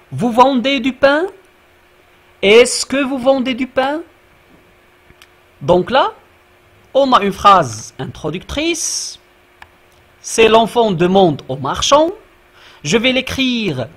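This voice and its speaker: Slow, husky male teacher. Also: high-pitched, a bit bright. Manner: slow, repeats and checks with "d'accord?". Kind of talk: classroom grammar lesson.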